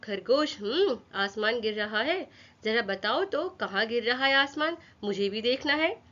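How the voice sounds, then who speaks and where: A proud, angry lion rules the jungle and fires slow, loud, demanding questions, as a woman acts him out. The voice is bright and forceful, and the recording sounds dull and lo-fi. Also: on the high side, animated. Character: angry roaring male lion, king of jungle.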